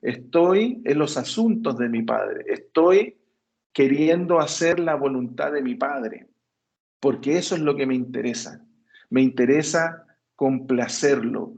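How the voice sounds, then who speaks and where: A man's voice: medium pitch, vocal fry, darkish tone, dull audio. A man preaching a teaching sermon, explaining step by step and checking in with listeners as he goes.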